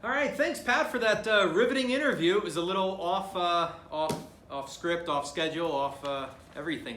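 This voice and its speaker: A man hosting a comic mock sports broadcast, stumbling through his lines with plenty of fillers and self-mocking asides. His voice is bright and fairly high. The room is echoey. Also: slight background noise. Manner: halting, self-deprecating, many fillers. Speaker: host.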